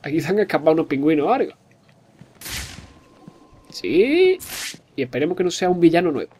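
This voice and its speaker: A man giving jokey let's-play commentary, excitable and swearing often. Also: a little high, brisk, slight background noise. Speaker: gamer.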